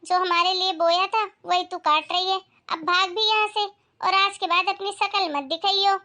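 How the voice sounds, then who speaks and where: A blunt young cartoon neighbor talks briskly and mocks an older aunt without mercy, as a woman puts her on. Her voice is bright and very high. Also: steady tone. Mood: scolding. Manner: sarcastic, brisk.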